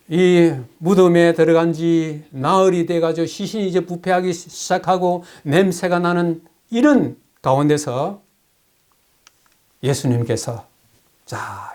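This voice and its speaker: Brief: male pastor with a high voice, preaching a sermon, asks questions and answers them himself. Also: a little mellow. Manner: reads scripture aloud slowly.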